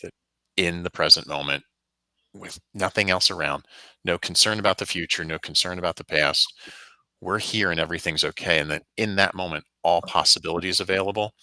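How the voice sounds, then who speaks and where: A man giving a calm, reflective intuitive reading in easy conversation, laughing now and then. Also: low-pitched, brisk, no room sound, poor audio. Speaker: spiritual reader guest.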